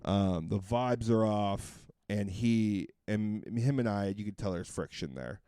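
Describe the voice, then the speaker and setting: A man's voice: lowish voice, measured pace, mellow, clear, resonant tone, no echo, studio quality. A man co-hosting a podcast, telling a long casual story with lots of fillers and restarts. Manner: rambling, full of fillers and restarts. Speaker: podcast co-host.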